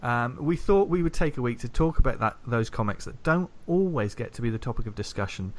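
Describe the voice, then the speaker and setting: A man's voice: medium pitch, lively intonation, brisk. A man hosting a comics podcast, joking and laughing often in casual chat. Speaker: podcast host.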